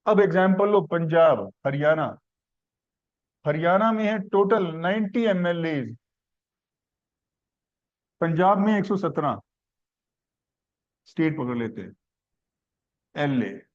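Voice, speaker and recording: A man's voice: on the high side, expressive, takes it slowly, long pauses, highs cut off. A man teaching a civics class, asking questions and building the answer step by step through simple examples. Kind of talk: classroom lecture.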